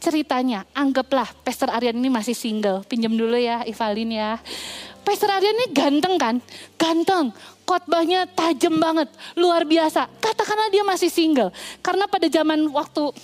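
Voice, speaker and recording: A young adult woman pastor preaching a lively, playful sermon full of storytelling. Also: high-pitched, moderate pace.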